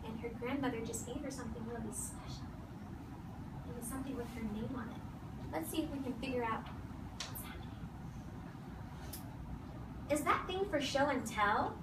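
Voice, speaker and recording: Recorded from far away by a camera across a room full of seated children, a high-pitched woman leads a read-aloud as an elementary teacher. She sounds firm and directive, giving short commands and repeating key phrases on purpose, and the classroom audio is echoey and noisy.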